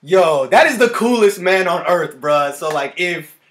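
In a small room with a guitar on the wall, a music reaction channel host in his twenties films himself on a webcam. His voice is high and his pace relaxed, but he's easily excited and often breaks off mid-thought to react in his casual commentary.

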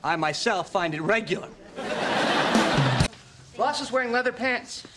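A man's voice: sits high, expressive, unhurried, over loud music. An actor playing a sarcastic, wisecracking young man in a sitcom, with dry, stressed punchlines. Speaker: sitcom character. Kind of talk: sitcom acting. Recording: noisy TV audio with laugh track.

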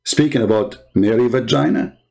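A man's voice: medium pitch, normal speed, creaky, warm tone. A man hosting a channel and giving polemical commentary in non-native English, mocking and sarcastic, trading insults. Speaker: channel host and religious debater.

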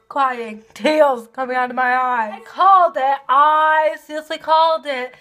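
A woman doing a casual video review of a TV episode, gushing and excitable, with lots of fillers. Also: high voice, unhurried.

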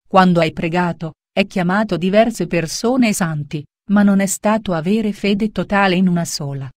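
A serene, wise spiritual teacher man from a storybook tale, as a woman reads him. He explains calmly in a low, dry voice, close to the mic. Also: moderate pace, no echo, natural voice.

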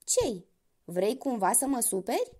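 A woman voicing a big, foolish, ugly horned male devil in a spoken fairy tale, loud, greedy and boastful. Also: on the high side, very animated. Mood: greedy, eager.

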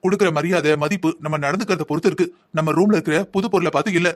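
A patient, thrifty husband in a cartoon drama, played by a man, lecturing his wife in long explanations. He talks in a very rapid stream on a fairly high voice. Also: natural voice. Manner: calm lecturing, explaining at length. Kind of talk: Tamil cartoon voice acting.

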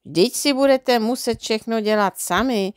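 A woman's voice: on the high side, clear, resonant tone, no echo, studio quality, lightly acted. A woman voicing a sly, persuasive male swindler, drawing her words out sweetly as she reads a children's storybook.

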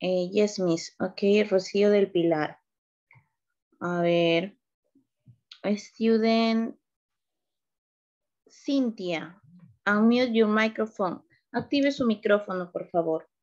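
A woman teacher running an online beginner English class, slow and patient, switching between English and Spanish. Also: medium pitch, a little mellow, highs cut off.

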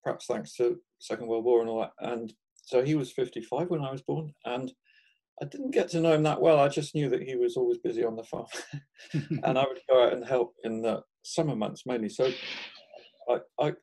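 Relaxed, mellow-voiced older Englishman. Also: medium pitch, a little fast, breathy edge. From England. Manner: thoughtful, chuckling often, frequent restarts. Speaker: guest market gardener. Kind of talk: relaxed conversational interview.

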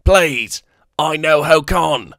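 A man voicing a frightened alien male informant who pleads in broken, halting speech. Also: on the high side, gravelly, a bit bright, dry recording, studio quality, voice pushed up, heavily acted. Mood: pleading.

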